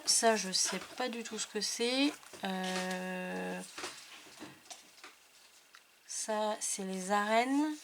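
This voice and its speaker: A woman's voice: mid-range voice, background noise. Chatty woman showing craft papers. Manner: chatty, hesitant with many fillers. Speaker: scrapbooking YouTuber. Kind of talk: casual product haul talk.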